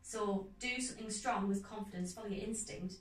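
A young woman actor talking earnestly and enthusiastically in a casual interview, in quick runs of speech. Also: mid-range voice, far from the mic. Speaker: guest actor. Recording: roomy echo, off-mic, faint music behind.

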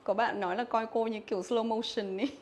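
A woman's voice: on the high side, fairly even intonation, fairly quick. A young woman giving a livestream English pronunciation lesson, repeating words over and over and checking that students remember. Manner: drills words by repeating them, checks in with "nhớ chưa?". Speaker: English teacher. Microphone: phone or webcam mic on a livestream.

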